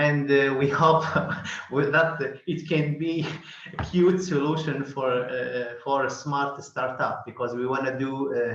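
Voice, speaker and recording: A man's voice: mid-range voice, fairly bright tone. A man from Tunisia asking a question on a webinar, hesitant and searching for words with many uhs. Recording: echoey, dull video call audio.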